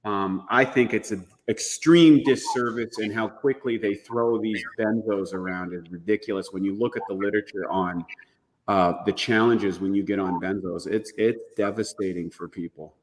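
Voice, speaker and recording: A man's voice: lowish voice, moderate pace, in a large hall. A man talking about supplements as a guest expert on a health show, earnest and explanatory. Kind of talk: casual health talk.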